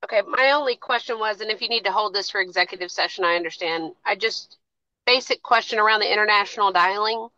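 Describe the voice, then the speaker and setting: A woman's voice: mid-range voice, quick pace, sharp tone, no echo. A woman joining a formal meeting remotely, asking polite, hesitant questions while her call audio glitches and cuts out. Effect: glitchy audio cutting out over a call line. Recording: dull dry call line.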